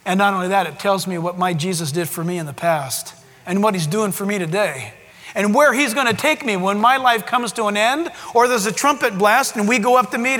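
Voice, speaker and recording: A man preaching a sermon as pastor, excitable and emphatic, asking his listeners rhetorical questions. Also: extremely high pitch. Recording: echoey hall with long reverb.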